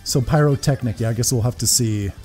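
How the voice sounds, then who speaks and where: Seated at a desk in a small room, a reaction video host gives casual, enthusiastic commentary peppered with swearing. His mid-range voice is warm and a little fast, picked up close by a large desk mic, with faint music behind him.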